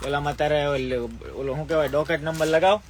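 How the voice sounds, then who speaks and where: Man pitching stock live. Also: steady tone, fast talker, noisy background. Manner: chatty, breaks off to give staff orders. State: sleepy. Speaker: shop seller hosting a live sale. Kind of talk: live-stream sales talk. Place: air-conditioned shop, indoors.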